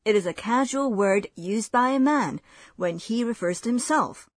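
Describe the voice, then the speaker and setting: Husky-voiced woman hosting a language lesson. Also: fairly high pitch, lively intonation, dry recording, studio quality. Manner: clear, measured explanations. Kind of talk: scripted lesson narration.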